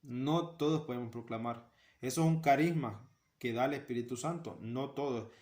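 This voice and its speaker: A man's voice: medium pitch, normal speed, a little mellow. Earnest man teaching, echoey room. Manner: earnest, repeats key phrases for emphasis. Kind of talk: spoken catechesis talk.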